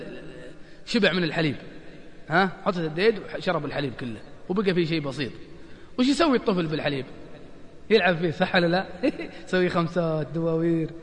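A man's voice: a little high, in a large hall. A man with a Gulf Arabic accent preaching a colloquial sermon, joking and telling anecdotes while he keeps asking his listeners "isn't that right, brothers?". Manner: animated, joking, addresses audience as brothers. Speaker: religious preacher.

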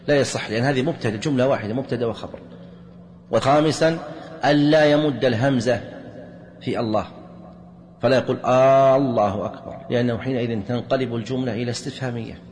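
Measured man teaching in a reverberant hall. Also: mid-range voice, a little mellow. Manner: measured, explanatory, lists points one by one. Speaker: religious teacher. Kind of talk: Islamic jurisprudence lesson. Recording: hall reverb, faint background noise.

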